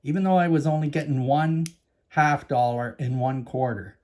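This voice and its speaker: A man with a Canadian accent and a fairly high, slightly mellow voice hosts a coin-collecting channel, speaking at a moderate pace. In this casual show-and-tell vlog he chats enthusiastically, straight to his viewers.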